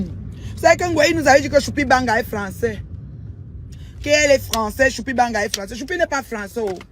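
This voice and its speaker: A woman records a casual vlog monologue outdoors as a social media commentator. She talks emphatically and repeats her points over and over, calling her listeners "maman." Faint traffic noise sits in the background. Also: fairly high pitch. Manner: emphatic, repetitive, keeps addressing listeners as "maman".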